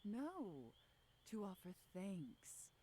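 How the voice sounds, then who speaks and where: An actress playing a proud, sly village leader in a video game, formal and measured, with a villain's tone. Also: female voice, medium pitch, very animated, warm tone, a little hiss or hum.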